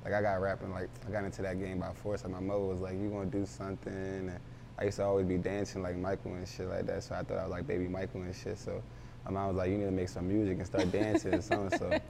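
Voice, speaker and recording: A man's voice: low-pitched, completely flat delivery, fast talker, creaky, crowd noise. A young man, a rapper, talking casually in an interview with loose, rambling street slang. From Baltimore, raised in Philadelphia.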